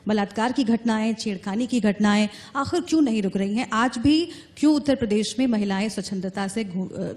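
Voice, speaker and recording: A woman's voice: mid-range voice, a little fast, hardly any pauses, a little mellow. A woman news anchor pressing a politician with pointed, probing questions in a televised interview.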